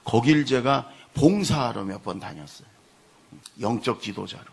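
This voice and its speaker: A man preaching a Sunday sermon as pastor, telling stories and swinging from soft asides to loud acted-out lines. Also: mid-range voice, animated, normal speed, vocal fry, husky.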